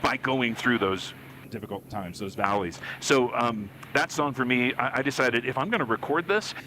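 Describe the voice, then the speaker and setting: Man, middle-aged, bright tone, casual storytelling, cockpit headset, faint engine noise. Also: medium pitch, normal speed, rough recording. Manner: warm, self-deprecating storyteller. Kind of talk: casual chat. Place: small airplane cockpit.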